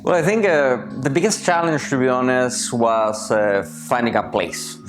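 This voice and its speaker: A thoughtful Colombian man whose first language is Spanish answers personal interview questions at medium pitch and moderate pace. He searches for words as faint music plays behind him.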